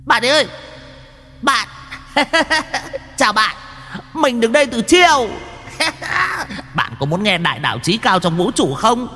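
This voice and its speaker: A man's voice: big pitch swings, takes it slowly, long pauses, sharp tone, slightly rough, in a large hall, full character voice. A man voicing a boastful, chatty male demon who mocks and preaches between wild laughs. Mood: mocking, preachy. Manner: shrill, mocking, preachy, full of wild laughs.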